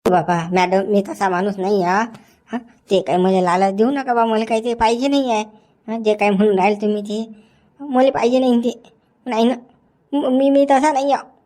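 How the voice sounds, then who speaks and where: A man's voice: high-pitched, steady tone, normal speed, a little mellow, natural voice. A man acting a nervous, honest village official in a comedy sketch, protesting and repeating "baba" as he talks. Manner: protesting, sprinkles "baba" through his speech.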